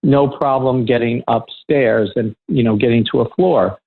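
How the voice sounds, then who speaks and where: Middle-aged male guest, mid-range voice, lively anecdotal storyteller, phone-quality tinny audio. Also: mid-range voice, moderate pace, gravelly. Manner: lively storyteller who acts out quoted dialogue. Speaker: guest, security professional. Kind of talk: conversational anecdote telling.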